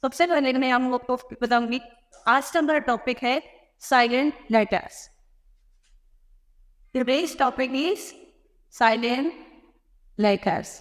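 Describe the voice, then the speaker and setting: A woman with an Indian accent teaching a grammar lesson, explaining slowly and repeating each point. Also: sits high, long reverb tail. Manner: explains slowly, repeats phrases, mixes in English words. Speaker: English teacher. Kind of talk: classroom-style grammar lesson.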